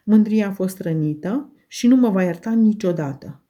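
A woman's voice: mid-range voice, lively intonation, mellow, lightly acted. A woman reading aloud voices Heathcliff, a cold, sardonic middle-aged man who speaks with contempt. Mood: calculating.

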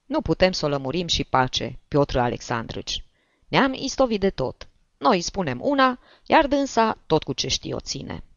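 A worn-out male bank clerk speaks in a curt, fed-up way, as a woman reader plays him. His pitch moves a lot, and the sound is close and dry. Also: big pitch swings, creaky, no echo. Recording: dull lo-fi recording.

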